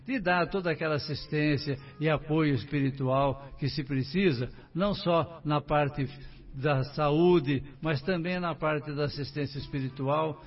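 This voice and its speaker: On a casual radio show, an older Brazilian guest with a slightly high voice and a somewhat slow delivery shares the story of his life. His storytelling is warm and aimed straight at the listeners, and the studio mic sounds distant and muffled.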